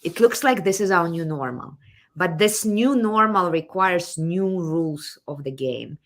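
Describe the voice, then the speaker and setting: A woman's voice: fairly low pitch, expressive, a little slow. A woman from Kazakhstan hosting a live online show, enthusiastic and fond of repeating her welcomes. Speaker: show host.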